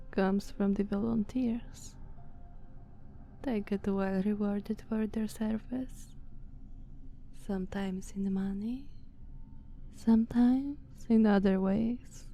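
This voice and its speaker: A woman with a Slavic accent plays a haughty, dominant, ancient female vampire in an ASMR roleplay, condescending and commanding, sometimes slipping toward a whisper. Her voice is medium-pitched and mellow, with slight background noise.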